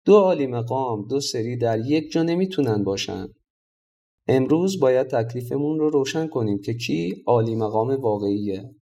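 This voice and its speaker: A man's voice: medium pitch, lively intonation, mellow. Man voicing a proud river monster. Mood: challenging. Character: proud male river monster, shape-shifter.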